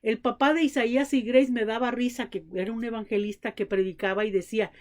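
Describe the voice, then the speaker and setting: A woman's voice: on the high side, fairly even intonation, a little fast, darkish tone. A woman preaching a sermon to a congregation, telling family stories and acting out the dialogue. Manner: addresses the congregation as brothers, acts out family dialogue.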